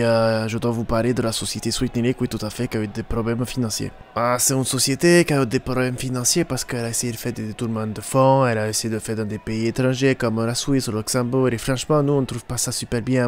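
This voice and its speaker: A man voicing a shady male trader who talks in a low, hushed, conspiratorial way. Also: steady tone, fast talker, hardly any pauses, close to an everyday voice.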